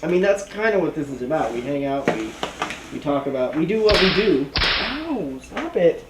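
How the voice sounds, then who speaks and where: A man's voice: a little high, expressive, background noise. A man hosting a casual podcast chat, joking wryly and jumping in to finish his co-host's thoughts. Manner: wry, quick to joke and fill in words. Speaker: podcast host.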